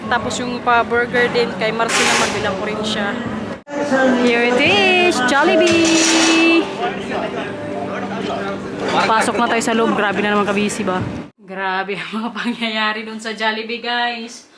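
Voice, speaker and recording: A woman's voice: fairly high pitch, flat delivery, moderate pace. A young Filipina woman with a Filipino accent, chatting casually and giggling in a travel vlog, mixing in English. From Philippines. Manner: chatty, giggly, mixes English into her talk. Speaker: vlogger. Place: busy city streets and shops. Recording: noisy street phone recording. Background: crowd and traffic noise.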